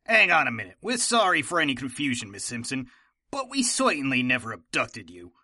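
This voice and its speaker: A man's voice: mid-range voice, wildly swooping pitch, brisk, sharp tone, slightly rough, no echo, studio quality, full character voice. An actor playing a chatty, affable male officer of a henchmen's union in a comedic audio drama.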